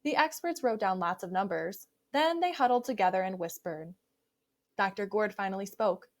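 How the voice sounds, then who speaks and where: A woman narrating a children's storybook aloud with expressive, clearly phrased delivery. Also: medium pitch, normal speed. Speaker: story reader.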